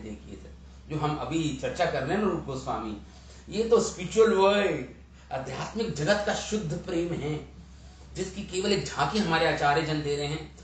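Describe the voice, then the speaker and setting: A man's voice: a little high, a little hiss or hum. A man giving a devotional lecture, chanting verses and explaining them word by word. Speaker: spiritual teacher. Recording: echoey room from far off, faint ambience.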